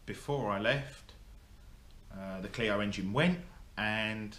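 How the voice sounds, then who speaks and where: Speaking bluntly to the camera in front of him, a young motorsport vlogger rambles through a casual update with lots of ums and false starts. His very low voice is slow and a bit bright, and he takes his time. Echo rings around the indoor workshop over a faint hum.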